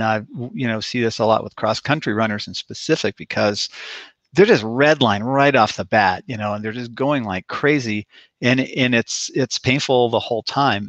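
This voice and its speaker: A man in a relaxed interview, telling stories from his coaching work at an even, middle pitch. He talks casually with fillers and quick restarts. The sound is dry and close, with no room echo. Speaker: sports performance coach. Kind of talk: conversational interview answer.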